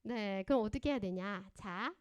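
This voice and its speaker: A woman counselor giving a parenting seminar at a church, animated and often quizzing her audience with questions. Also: mid-range voice, moderate pace, smooth. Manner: acts out parents and children in lively voices.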